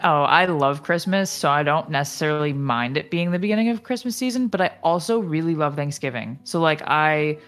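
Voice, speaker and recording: A woman in her twenties co-hosting a podcast in casual chat, chatty and quick, full of fillers and laughter. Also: deep voice, fairly bright tone, faint music behind. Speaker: podcast co-host.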